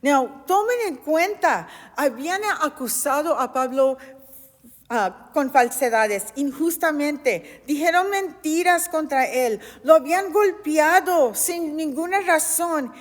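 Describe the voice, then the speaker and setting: A woman's voice: high-pitched, expressive, slow, long reverb tail. A woman teaching a Bible study, telling the story expressively and asking rhetorical questions.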